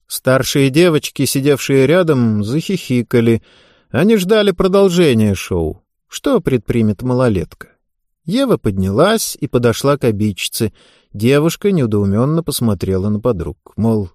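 A man with a mid-range voice reads an audiobook as scripted narration, keeping his delivery even and measured. The recording is dry and of studio quality.

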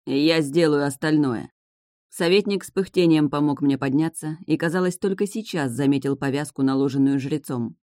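An audiobook narrator reading a first-person fantasy story with lively, ironic storytelling. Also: mid-range voice, a little fast, hardly any pauses, dry recording, clean studio sound.

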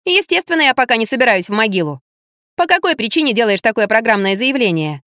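Brief: a woman doing a bratty teen girl, high shrill voice full of swings, storybook reading. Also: big pitch swings, quick pace, fairly bright tone, no echo, studio quality. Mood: indignant. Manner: shrill and indignant. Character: bratty sharp-tongued teenage girl. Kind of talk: audiobook character voice.

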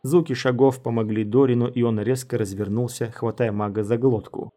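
A man reading an audiobook aloud in scripted narration. His voice sits at an ordinary middle pitch. He keeps a steady, even storytelling pace. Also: a little fast.

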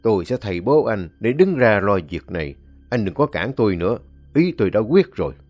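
A man's voice: lowish voice, very animated, fairly quick, darkish tone, faint music behind. A man voicing a stern, resolute elderly clan elder who speaks firmly and commandingly in a told story.

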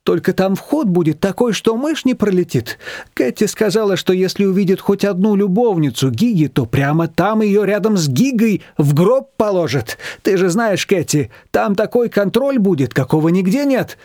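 A man's voice: sits high, expressive, moderate pace, warm tone, no room sound, studio quality, voice pushed up. A man voicing a worldly, sarcastic woman gossip who speaks in a knowing way.

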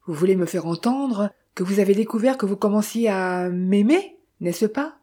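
A woman voicing a grave gentleman thief. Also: medium pitch, expressive, normal speed, lightly acted. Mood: earnest. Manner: earnest, insistent questioning.

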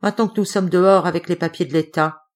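A woman's voice: on the low side, steady tone, fast talker, darkish tone, lightly acted. A woman voicing a sly male forest bandit who speaks in rustic dialect.

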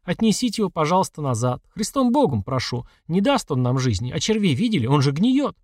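A man's voice: very animated, brisk, a little mellow, no echo, studio quality. A man voicing a terrified young mother who pleads and shrieks in panic. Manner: pleading, shrill.

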